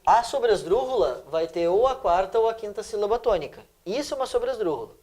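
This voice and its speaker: A man's voice: high-pitched, brisk. A male teacher from Brazil, walking students through exam questions in a lesson and checking in with them often. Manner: lively, checks in with "tá?" and "perfeito?".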